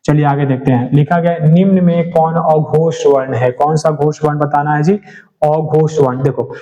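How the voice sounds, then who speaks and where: Question after question, this teacher poses each exam item aloud and supplies the answer himself during his exam-prep lecture. He speaks at a moderate pace in a fairly high, mellow voice with fairly even intonation, captured in dull lo-fi audio.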